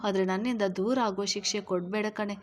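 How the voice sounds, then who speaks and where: A woman voicing a grieving young husband who pleads softly with his unconscious wife in a storybook reading. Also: medium pitch, steady tone, brisk, close to an everyday voice. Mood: pleading. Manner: soft pleading speech, begging.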